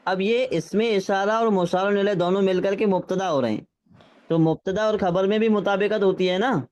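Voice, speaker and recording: A man teaching Arabic grammar in an online class, patiently checking that students follow and reading phrases out slowly. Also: sits high, a little mellow. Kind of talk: classroom lesson with drills. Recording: slightly dull lo-fi sound.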